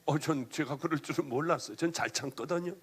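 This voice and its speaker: A middle-aged male pastor giving an emotional sermon testimony, moving between loud passages and hushed ones. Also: fairly high pitch, quick pace, slightly rough.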